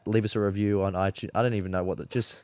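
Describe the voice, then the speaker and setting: A man's voice: lowish voice, steady tone, very fast, noisy background. A man hosting a podcast, rambling and joking through an intro plug. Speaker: podcast host. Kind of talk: casual show intro and plug.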